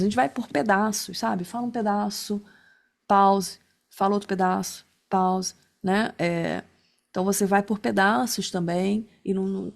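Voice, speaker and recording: A woman giving a relaxed online lesson, talking through her method in a chatty way. She keeps checking in with her listeners as she goes, and her voice sits at an ordinary middle pitch. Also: creaky. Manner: chatty, many fillers like né and tá. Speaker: instructor. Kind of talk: casual online class talk.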